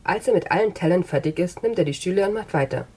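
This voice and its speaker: Husky woman reading a story. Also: lowish voice, expressive, fast, a little mellow. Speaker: narrator. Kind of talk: reading an absurdist short story.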